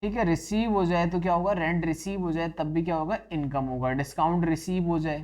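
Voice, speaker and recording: A man's voice: fairly high pitch, fairly even intonation, brisk, darkish tone. A man teaching accounting in a classroom-style lecture, asking his students questions and answering them himself, and slipping English terms into his talk. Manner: addresses students as children.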